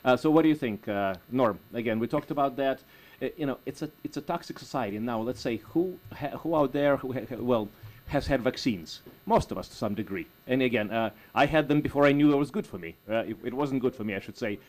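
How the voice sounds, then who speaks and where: A man co-hosting a call-in talk radio show, speaking in a halting, folksy way with many restarts. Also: medium pitch, lively intonation, darkish tone. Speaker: radio co-host.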